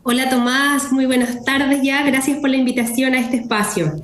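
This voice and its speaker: Joining an interview over a remote connection, a nonprofit's executive director from southern Chile speaks with a Chilean Spanish accent in a high voice at normal speed. Her explanations are steady and frequently end in tag questions. Her room sounds echoey, with a little background noise.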